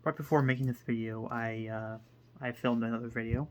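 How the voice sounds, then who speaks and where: A man hosting his own book channel, talking casually to the camera in a hesitant, rambling way with many pauses and fillers. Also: mid-range voice, fairly even intonation. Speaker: book reviewer.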